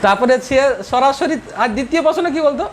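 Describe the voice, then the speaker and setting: A man's voice: very high-pitched, fast talker, slight background noise, poor audio. Man teacher quizzing a class. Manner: quizzing students, joking and laughing. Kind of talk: classroom lecture.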